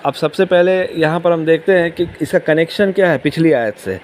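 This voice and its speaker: A religious teacher gives a Quran commentary lesson, explaining patiently, repeating key words and asking his listeners questions. His voice is a little high, and the recording carries slight hiss or hum.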